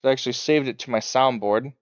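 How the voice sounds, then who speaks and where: A man's voice: medium pitch, quick pace, dry recording, highs cut off. A man streaming a game, chatting casually and rambling with lots of fillers and chuckles. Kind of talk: casual live-stream chat while playing.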